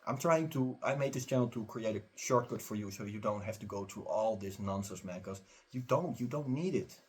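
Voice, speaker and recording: Husky man giving an urgent spiritual pep talk. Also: lowish voice, brisk, a little mellow. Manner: emphatic, repetitive, urging the listener. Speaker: spiritual teaching channel host.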